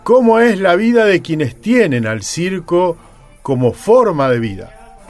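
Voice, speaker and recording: A man reading a scripted radio news feature in a measured, expressive way. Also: high voice, faint music behind. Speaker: radio reporter.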